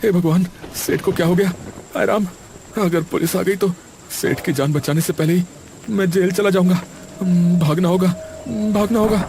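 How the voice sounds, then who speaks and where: A man voicing a panicky chauffeur in an animated story, talking in a frantic way. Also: high-pitched, normal speed, slight background noise, voice pushed up. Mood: panicked. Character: panicky male chauffeur fleeing an accident.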